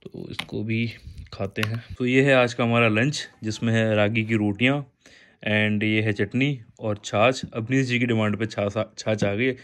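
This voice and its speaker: A man's voice: lowish voice, fairly even intonation, a little slow, a bit bright. A young man with a Hindi accent from Gwalior, chatting casually to a handheld phone in his daily vlog, laughing often. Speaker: vlogger.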